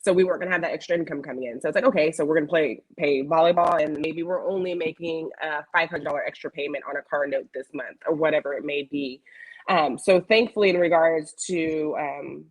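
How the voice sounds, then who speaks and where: Low-voiced woman telling her story. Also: fairly quick, poor audio. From San Antonio, Texas, USA. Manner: chatty storyteller, many ums. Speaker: guest. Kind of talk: casual interview chat.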